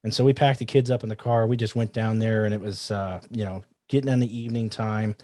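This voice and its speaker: A man's voice: on the low side, fast, dry recording. Dry, close-sounding man telling a story. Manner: animated, quotes himself and others in asides. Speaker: firearms trainer guest. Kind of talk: casual storytelling.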